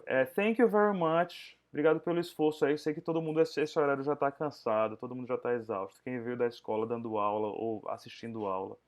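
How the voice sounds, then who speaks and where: A male teacher running an English review class over a video call, his pitch sitting mid-range for a man. He moves between explanations and slow, careful English words for students to repeat. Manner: mixes English and Portuguese, drills pronunciation slowly.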